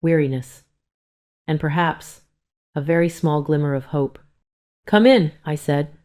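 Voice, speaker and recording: Low, calm woman narrating a story. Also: measured pace. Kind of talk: scripted first-person story narration.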